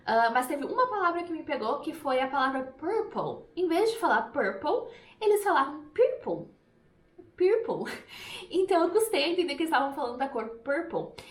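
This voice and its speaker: A woman's voice: high voice, echoey room. A woman from Brazil, an English teacher, explaining pronunciation in a chatty video lesson and demonstrating example words. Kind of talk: YouTube language lesson.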